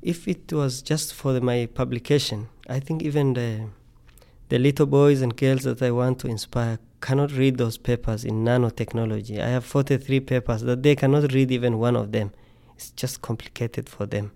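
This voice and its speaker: A man's voice: medium pitch, fairly even intonation, moderate pace, gravelly, dark tone. A middle-aged man from Tanzania, a scientist guest speaking earnestly in a podcast interview, often repeating words as he thinks.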